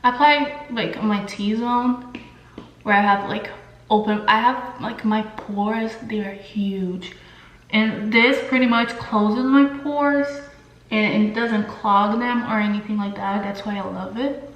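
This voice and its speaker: A young adult woman from São Paulo, Brazil, a native Portuguese speaker with a Brazilian accent, chats to camera as a beauty vlogger while doing her makeup. She's informal, candid and slangy, with a medium-pitched, fairly even, slow voice. The sound is roomy and dull.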